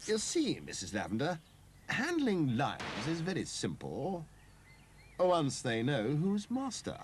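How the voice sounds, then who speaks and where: A man's voice: on the high side, wildly swooping pitch, slow pace, noisy background, voice pushed up, full character voice. Guy doing a snooty bragging cat, big swoopy delivery. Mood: pompous. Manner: pompous, self-important. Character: pompous boastful male house cat.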